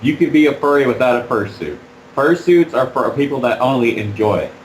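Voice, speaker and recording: A man being interviewed about fursuiting while wearing a fursuit head, talking in a halting, rambling way with many fillers. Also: mid-range voice, animated, roomy sound, slight background noise, poor audio. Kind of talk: casual interview.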